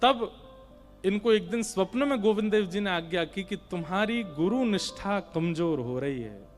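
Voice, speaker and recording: A man preaching a devotional story-sermon, acting out the characters in raised voices and breaking into slow sung lines. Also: sits high, expressive, faint music behind. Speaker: Bhagavat katha preacher.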